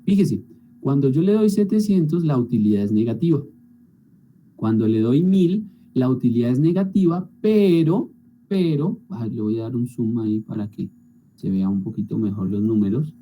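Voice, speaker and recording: A man's voice: medium pitch, animated, moderate pace, warm tone, a little hiss or hum, rough recording. Man teaching a spreadsheet class online. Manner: talks through spreadsheet steps, frequent checking tags.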